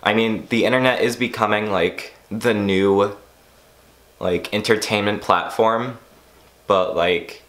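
A teenage boy vlogging casually, rambling with lots of "like" fillers and self-mockery, a bit hoarse. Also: fairly low pitch, fairly even intonation, slow pace, fairly bright tone. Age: teens. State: losing his voice. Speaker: YouTuber. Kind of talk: casual vlog monologue.

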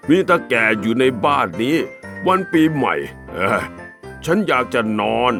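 A man's voice: mid-range voice, lively intonation, over music, voice pushed down. A man doing a grave old cartoon wolf. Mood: solemn. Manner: slow, grave. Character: old male wolf, his future self, solemn. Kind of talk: dubbed cartoon acting.

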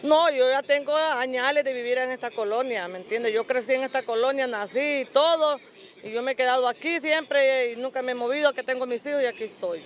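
A woman's voice: high voice, a little fast. A woman in her thirties with a Honduran accent, speaking insistently to a reporter under a tarp shelter. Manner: insistent, pleading. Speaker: interviewee. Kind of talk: emotional street interview. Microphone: handheld mic.

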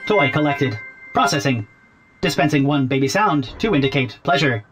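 A performer voicing a literal-minded, demanding robot baby in a video game, speaking in a robot voice with flat, clipped machine phrasing. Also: medium pitch, moderate pace. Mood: deadpan robotic. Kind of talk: video game character dialogue.

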